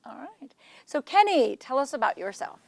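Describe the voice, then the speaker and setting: Woman radio host, encouraging interviewer, a touch high, dry. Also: big pitch swings, moderate pace, creaky, dry recording. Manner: encouraging, asks questions.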